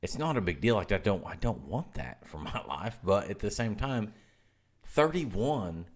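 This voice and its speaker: Man, thirties, deep voice, lively swings in pitch, laughs a lot. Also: a little slow. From Oklahoma. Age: 30s. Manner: loose, profane, laughs often. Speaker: podcast co-host. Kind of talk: casual podcast banter.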